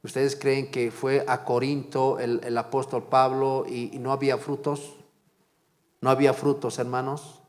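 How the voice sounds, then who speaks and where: A man's voice: mid-range voice, flat delivery, a little slow, a little mellow, long reverb tail. A man preaching a sermon as pastor, fervent and repetitive, asking the congregation question after question. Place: church.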